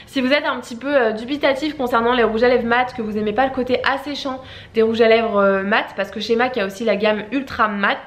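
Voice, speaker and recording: A woman's voice: on the high side, fairly even intonation, fast. A young woman vlogging casually at home, chatty and rambling with many fillers. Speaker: beauty vlogger. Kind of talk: casual vlog chat. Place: at home, indoors. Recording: echoey room.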